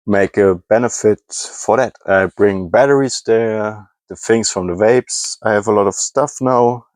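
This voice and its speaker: A man from Germany rambles through a casual vlog about his scrapping hobby, speaking English as a second language with a German accent. He keeps stopping to search for words and correct himself. His voice is on the low side with a darkish tone, and there's no echo.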